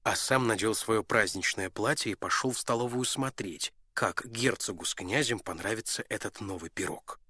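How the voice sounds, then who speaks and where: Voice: mid-range voice, moderate pace, hardly any pauses, slightly rough, no room sound, clean studio sound. A narrator reading a fairy tale aloud and voicing every character. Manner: expressive, plays every character. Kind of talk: storybook reading.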